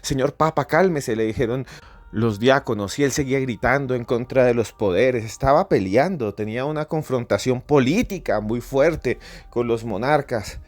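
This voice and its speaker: A man hosting a podcast, telling a story with theatrical, repetitive build-ups that swell to near-shouting. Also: medium pitch, normal speed, no echo. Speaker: podcast host. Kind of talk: dramatic storytelling narration.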